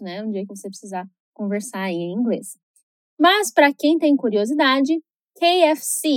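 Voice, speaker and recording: High-voiced Brazilian woman teaching pronunciation. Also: darkish tone, no echo, clean studio sound. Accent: Brazilian Portuguese. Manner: chatty, tag questions, slow careful model words. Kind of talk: scripted video lesson.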